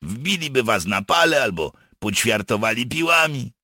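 A man's voice: medium pitch, very animated, moderate pace, sharp tone, no room sound, studio quality, pitched above the performer's own voice. A man voicing a hardened male Cossack partisan, grim and matter-of-fact in an audiobook. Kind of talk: audiobook character voice.

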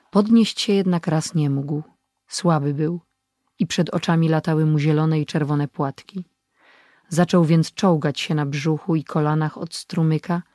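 An audiobook reader giving scripted narration of an adventure story in a measured, even storytelling manner. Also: mid-range voice, dry recording, clean studio sound.

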